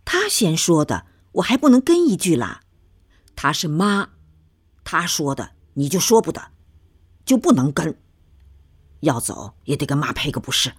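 A woman voicing a quick-tempered mother from the city who scolds in sharp, raised outbursts. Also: deep voice, big pitch swings, slightly rough, exaggerated voice. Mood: indignant.

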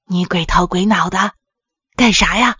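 A woman voicing a fussy elderly village mother who grumbles slowly, in a storybook tale. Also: on the low side, sharp tone, breathy edge, no echo, lo-fi sound, exaggerated voice. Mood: teasing.

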